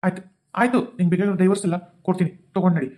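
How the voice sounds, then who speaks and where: A man's voice: high voice, very fast, a little mellow, close to an everyday voice. A man voicing a young husband and son in a cartoon, bitter and emphatic, with a North Karnataka accent. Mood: resigned. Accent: North Karnataka Kannada.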